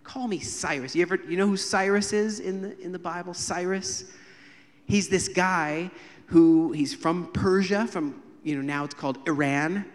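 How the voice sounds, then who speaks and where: Male preacher in a sanctuary, slightly high voice, lively storytelling sermon, long church reverb. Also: normal speed. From United States. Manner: animated, acts out quoted voices and jokes with the congregation. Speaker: guest preacher. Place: church sanctuary during a live service.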